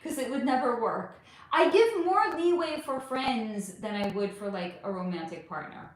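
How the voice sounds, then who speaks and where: A woman in her forties, a spiritual reader chatting on a live stream, reading viewer comments aloud in a chatty, animated way with casual swearing. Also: a little high, normal speed, roomy sound. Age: 40s.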